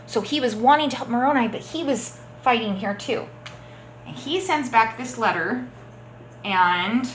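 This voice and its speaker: A woman teaching a children's church class, telling a story gently and often checking in with the kids. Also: medium pitch, slight background noise, low-quality recording. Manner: gentle, encouraging, checks in with "okay?".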